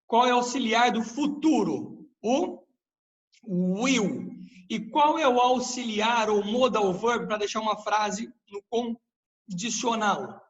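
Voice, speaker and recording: Slow-talking high-voiced male teacher. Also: highs cut off. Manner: explains patiently, quizzes the class with questions. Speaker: English teacher. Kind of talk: live online grammar lesson.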